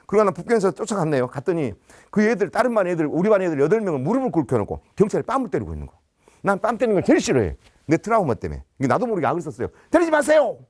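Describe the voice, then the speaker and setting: A man's voice: high-pitched, wildly swooping pitch, racing, darkish tone, no echo, clean studio sound. A man, a teacher, giving a storytelling lecture and animatedly acting out dialogue. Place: business center lecture.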